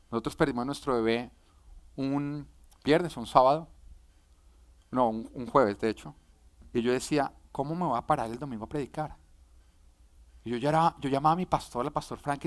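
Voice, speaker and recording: A young man preaching as a pastor, swinging between loud urgent pleas and quiet, confessional storytelling. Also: a little high. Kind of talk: sermon.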